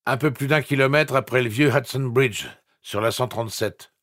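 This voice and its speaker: A man voicing a drunken middle-aged rancher who rambles excitedly on a phone call. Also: mid-range voice, moderate pace, dry recording, studio quality, pitched above the performer's own voice, close to an everyday voice. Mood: plain.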